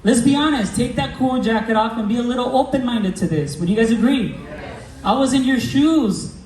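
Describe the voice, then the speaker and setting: A man giving a motivational stage talk to a live audience, slangy and energetic, telling stories and quizzing the crowd. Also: very high-pitched, brisk. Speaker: business coach speaking at a recruiting meeting. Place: event hall with a live audience. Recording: roomy hall, mic from a distance, faint background noise.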